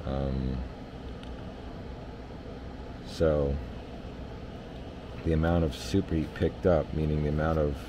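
A man, an HVAC tech, explains system readings in an unhurried, hands-on style by a basement furnace, scattering fillers throughout. His low, rumbling voice runs a little slow, and the background is noisy.

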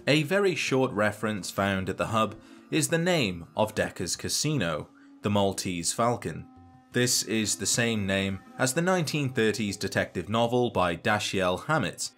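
A man narrating a scripted game video essay in a measured, dry and wry way. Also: on the low side, a bit bright.

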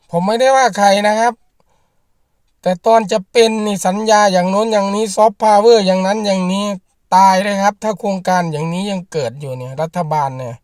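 A man's voice: high voice, a little mellow, no echo, clean studio sound. A man, a rice farmer and channel host, talking straight to camera in an earnest, repetitive way as he appeals to the government. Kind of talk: direct-to-camera political vlog.

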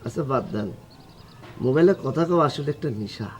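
A man's voice: medium pitch, animated, brisk, lightly acted. An actor playing a cheeky young phone-shop owner, wry and teasing as he sets his rules.

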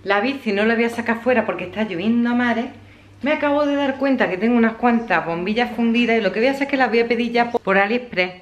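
A woman's voice: a little high, fast talker. Chatty middle-aged woman vlogging. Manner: chatty, talks straight to viewers, laughs often. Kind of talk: casual vlog chat to camera. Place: at home, indoors.

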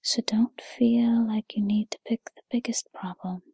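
A woman playing a gentle, patient fairy godmother in a whispered role-play, with a breathy whisper and a soothing, encouraging manner. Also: on the high side, fairly even intonation, no echo, exaggerated voice. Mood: gentle, reassuring. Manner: soothing, encouraging, unhurried second-person address.

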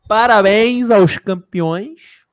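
A man's voice: high voice, drawn-out words. A young man co-hosting a football live stream, laid-back and slangy, drawling his words. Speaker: co-host of a football channel. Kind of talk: casual live-stream chat.

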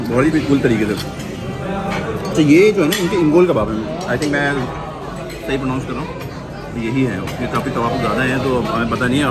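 Male food vlogger, thirties, brisk and chatty, phone audio in a noisy restaurant. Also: medium pitch. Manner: chatty, enthusiastic about the food. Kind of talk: casual restaurant food review. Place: busy indoor restaurant. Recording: loud restaurant crowd and music. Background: loud crowd chatter and music.

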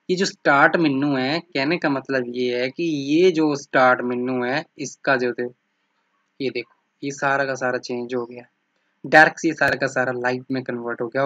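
A man's voice: medium pitch, a bit bright, dry recording. Man teaching a computer lesson, dry lo-fi mic. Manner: repeats "ठीक है" after nearly every point; points things out on screen with "ये देखो". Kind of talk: screen-recorded computer lesson. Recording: dry, slightly dull lo-fi mic.

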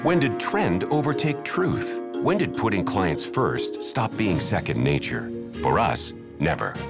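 A man's voice: sits low, big pitch swings, unhurried, over loud music. A man narrating a commercial with rhetorical questions in a scripted read. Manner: probing rhetorical delivery.

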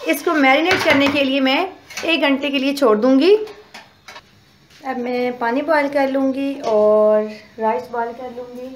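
A woman, hosting a home cooking channel and explaining each step calmly in a casual voice-over. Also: high voice, unhurried, a little hiss or hum. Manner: step-by-step explaining, calm and homely.

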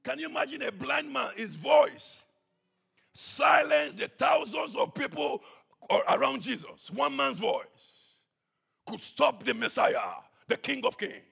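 A man preaching a sermon with passion, swinging between shouts and hushed tones. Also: very high voice, lively intonation, a little slow, gravelly, breathy edge. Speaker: pastor.

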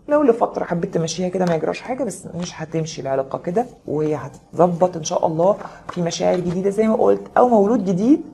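Egyptian woman doing a casual live tarot reading, low and mellow, faint noise behind. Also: gravelly. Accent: Egyptian Arabic. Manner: chatty, greets viewers by name. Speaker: tarot reader.

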